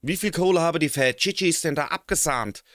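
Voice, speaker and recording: A man's voice: fairly high pitch, brisk, heavy background noise. A man hosting a rap reaction video, talking casually and slangily, quoting lines back half-rapped.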